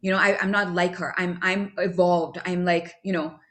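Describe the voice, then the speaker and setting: A woman's voice: fairly low pitch, level tone, normal speed, a bit bright. A woman sharing her personal recovery story at a meeting, talking candidly and chattily with lots of fillers and self-mocking asides.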